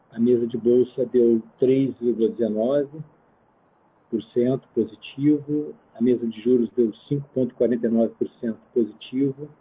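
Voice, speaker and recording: Slightly husky Brazilian man on phone. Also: medium pitch. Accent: Brazilian Portuguese. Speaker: chief investment officer presenting results. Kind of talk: business presentation, semi-spontaneous. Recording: narrow, tinny phone line.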